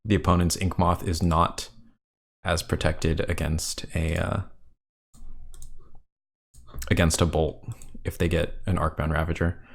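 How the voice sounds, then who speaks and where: A man commentating his own card game, thinking aloud and weighing each move. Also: low voice. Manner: thoughtful, muses and counts under his breath. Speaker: gameplay commentator. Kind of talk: thinking aloud over gameplay.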